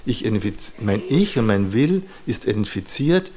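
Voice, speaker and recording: A man with a somewhat low voice lectures an audience on psychology. He speaks thoughtfully, pausing to find his words and dropping small fillers as he goes. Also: very animated, mellow. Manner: thoughtful, searching for words, frequent "ja" and "ne".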